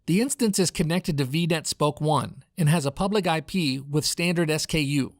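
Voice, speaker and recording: Recorded dry in a home studio, this voice-over features an American man speaking General American as he reads a scripted product demo. His pitch sits on the high side, his speed is normal, and his delivery is clear and instructional.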